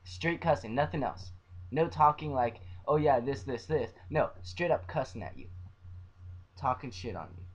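A young man ranting in a profane vlog, swearing nonstop and repeating himself as he swings between loud outbursts and low mutters. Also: expressive, normal speed. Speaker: vlogger.

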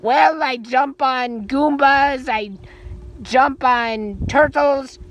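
A performer voicing a slow, dim, boastful male video game plumber toy, drawn out and plodding, in a plush skit outdoors by a pool. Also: fairly bright tone, exaggerated voice. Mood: flat, obliging. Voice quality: low-voiced. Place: outdoors by a backyard swimming pool. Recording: noisy outdoor phone recording.

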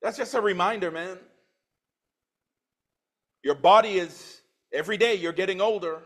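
Earnest higher-voiced male preacher. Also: moderate pace. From Trinidad. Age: 40s. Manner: emphatic scripture reading with swelling loudness; plain conversational asides. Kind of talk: sermon. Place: church.

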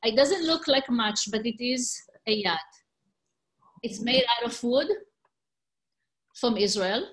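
A woman teacher tells a teaching story from home in a warm, informal way. Her talk is loose, with small slips and restarts. The sound comes through a video call. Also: fairly high pitch, slow.

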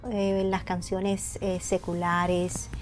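A woman's voice: fairly low pitch, flat delivery, slow pace, faint music behind. A middle-aged woman hosting an interview programme in an effusive, complimentary way. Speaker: host. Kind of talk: scripted-sounding programme introduction and interview. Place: indoor radio and TV studio set. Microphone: lapel mic.

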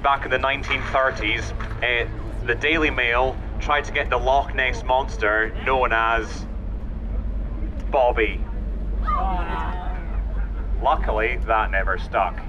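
A man with an Inverness Highland Scottish accent that drops middle Ts, giving wry live tour commentary like a joking storyteller. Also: fairly even intonation, slow pace, pauses often. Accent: Inverness Highland Scottish, dropped middle Ts. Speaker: tour boat guide. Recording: noisy, dull outdoor boat recording.

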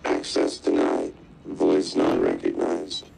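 An actor voicing a stern male security computer in a video game, giving flat, clipped prompts through a robotic voice-lock system. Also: extremely low pitch, takes it slowly, creaky, over loud music, full character voice.

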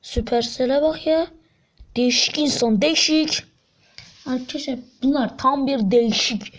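A woman giving excited gameplay commentary, getting frustrated, counting rolls aloud and swinging between whispers and shrieks. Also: fairly high pitch. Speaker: gaming video creator. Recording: dull lo-fi sound.

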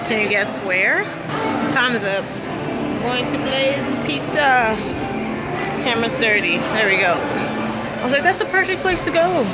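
A young woman chats into her phone camera in a loose, rambling vlog, full of fillers. Her voice sits in an ordinary middle range for a woman. Clear music plays behind her. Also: medium pitch. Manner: chatty and rambling, with many fillers. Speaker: vlogger. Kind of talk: casual vlog chat. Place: shopping mall, then at home.

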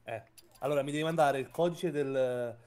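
A man talking to a streamer over voice chat, hurried and insistent. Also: medium pitch, a crowd in the background. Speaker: friend on voice call. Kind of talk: casual chat.

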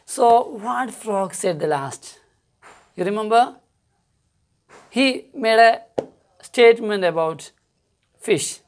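Slow, coaxing Malayali woman teacher. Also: on the high side, lively intonation. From India. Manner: slow, coaxing, asks children questions and praises answers. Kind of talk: online primary school lesson.

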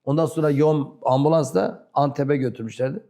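A man with a southeastern Turkish accent tells personal stories in broken, non-fluent Turkish, halting and repeating himself. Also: a little high, steady tone, vocal fry, mellow. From rural southeastern Turkey. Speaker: interview guest. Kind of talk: animated personal storytelling.

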